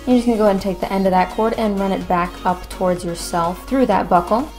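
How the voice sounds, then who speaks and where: A woman's voice: mid-range voice, quick pace, darkish tone, faint music behind. A woman narrating a craft tutorial as its host, in an informal, conversational way.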